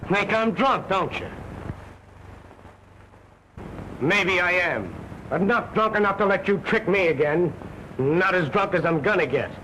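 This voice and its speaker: A man's voice: sits high, expressive, normal speed, sharp tone. A drunk, scornful young man. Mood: bitter. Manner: scornful, insulting. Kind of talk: early 1930s film acting. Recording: faintly noisy early sound film track.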